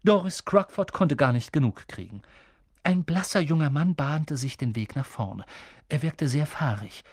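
A male narrator reads a storybook aloud, his voice rising and falling with lively expression. The tone is husky and slightly breathy, and the recording is dry and close. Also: fairly high pitch, moderate pace, no room sound. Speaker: audiobook narrator. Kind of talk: expressive audiobook reading.

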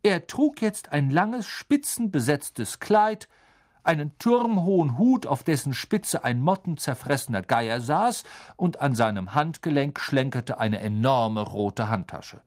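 A man narrating a fantasy story as an audiobook reader, with an expressive, dramatic delivery. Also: mid-range voice, unhurried. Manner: expressive, dramatic reading with many voice shifts. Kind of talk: scripted narration.

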